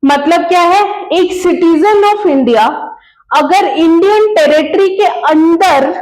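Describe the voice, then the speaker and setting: A woman's voice: very high voice, a little mellow, reverberant, poor audio. A woman teaching a law class, mixing Hindi and English, asking questions and answering them herself, repeating key terms. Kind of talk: lecture.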